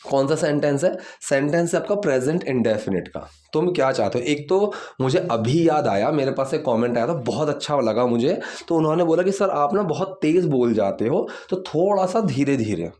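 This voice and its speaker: A man teaching English grammar, explaining step by step and repeating example sentences slowly. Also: fairly high pitch, animated, a little mellow. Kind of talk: bilingual grammar lesson.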